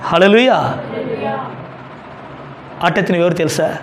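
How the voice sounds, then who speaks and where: A man's voice: sits high, unhurried, a little hiss or hum. A man pastor giving a sermon, preaching emphatically with rhetorical questions and repeated hallelujahs.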